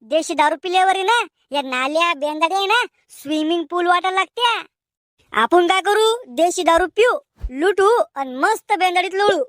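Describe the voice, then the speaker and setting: A woman acts an extremely high-pitched young village man from a cartoon comedy, bantering colloquially in a rural Maharashtrian Marathi accent. The delivery is moderately paced and a bit bright, recorded dry and close with no room sound.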